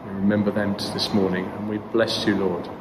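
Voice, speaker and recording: A man's voice: on the low side, flat delivery, a little fast. Man praying in an echoey church hall. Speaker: pastor leading prayer. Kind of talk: spoken congregational prayer. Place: church hall with brick walls. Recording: roomy hall echo, background noise.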